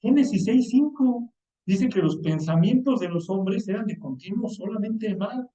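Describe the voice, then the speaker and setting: A Mexican man with a high, dark, mellow voice delivers a lively, colloquial sermon and slips into the voices of the people he quotes. He sounds distant in a roomy, echoing hall, and the recording is dull and lo-fi. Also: moderate pace. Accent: Mexican Spanish. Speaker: preacher.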